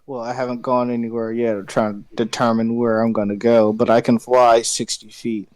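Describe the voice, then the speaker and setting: A man chatting casually as a tabletop game player, thinking aloud haltingly and swearing freely. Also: medium pitch, flat delivery, darkish tone, dry recording.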